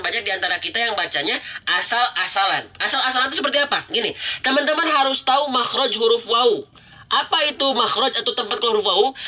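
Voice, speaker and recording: A man's voice: sits high, sharp tone. A man teaching Quran recitation on a live stream, chatty and talking straight to his viewers, stretching out sounds to demonstrate them again and again. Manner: repetitive, drawn-out pronunciation demonstrations; chatty, addresses viewers directly. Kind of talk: live-streamed tajwid lesson.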